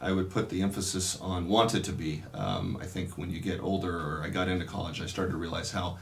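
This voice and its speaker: A deep-voiced Dominican priest from California tells his life story in a casual interview. His tone stays steady while he reflects unhurriedly, with many pauses and restarts.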